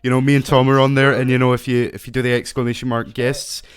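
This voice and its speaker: A man hosting a casual gaming podcast who talks excitably, laughs often and swears. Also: medium pitch, fast, smooth.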